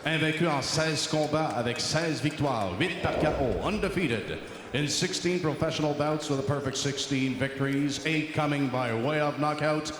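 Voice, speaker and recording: A man working as a boxing ring announcer, making formal arena introductions with deliberate, projected delivery and drawn-out names. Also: fairly high pitch. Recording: echoey arena PA, long reverb, faint noise.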